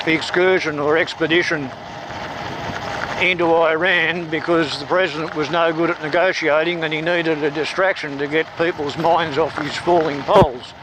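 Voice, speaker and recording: A man talking slowly and deliberately through a motorbike helmet microphone while riding outdoors. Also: a little high, steady tone. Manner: slow, measured, deliberate delivery. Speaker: vlogger. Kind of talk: political commentary monologue while riding. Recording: loud wind and road noise on a helmet mic.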